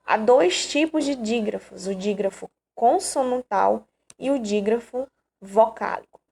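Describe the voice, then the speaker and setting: A woman's voice: fairly high pitch, unhurried, vocal fry, a little mellow, slightly rough. A woman from Brazil teaching an online grammar lesson, explaining patiently and checking in with her students often.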